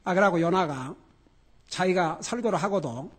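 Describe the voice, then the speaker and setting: A middle-aged man preaching a sermon as pastor, animated and laughing, swinging between loud exclamations and quiet emphasis. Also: high voice, normal speed, breathy edge.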